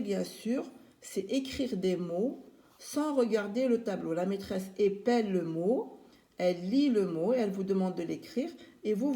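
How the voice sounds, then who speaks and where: A woman teacher giving a spelling lesson to young children, slowly sounding out syllables and spelling words letter by letter. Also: mid-range voice, warm tone. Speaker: primary school teacher.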